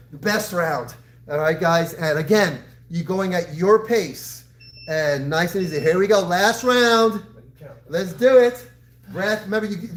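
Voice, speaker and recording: A man's voice: high-pitched, a little hiss or hum. A man in his sixties, a karate instructor, talking to his class in an encouraging, direct coaching style. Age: 60s. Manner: encouraging, addressing students directly. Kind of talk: live fitness class coaching and motivational talk.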